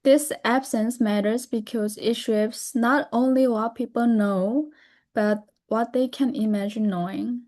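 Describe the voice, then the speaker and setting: A young woman from North Korea, a native Korean speaker, gives a webinar talk in English, careful and halting with many fillers and self-corrections. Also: on the high side, fairly even intonation, a little mellow. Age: young adult. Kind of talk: presentation over a video call.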